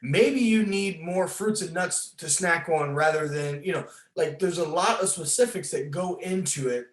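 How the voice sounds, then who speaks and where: A podcast host who interviews a fitness coach rambles through a casual conversation full of false starts. His voice sits on the high side at a moderate pace, and the room sounds echoey and spacious.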